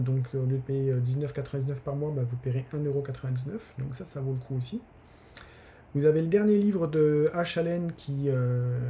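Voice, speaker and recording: A man's voice: mid-range voice, dark tone, a little hiss or hum. A man hosting a live stream from his desk, talking casually with many hesitations and restarts. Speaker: newsletter author hosting a live giveaway stream.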